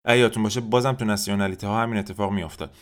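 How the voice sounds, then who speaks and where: A male teacher, a Persian speaker, explaining a lesson casually and drilling slow, deliberate repetitions of French words. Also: lowish voice, fairly even intonation. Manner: explains casually, quick asides.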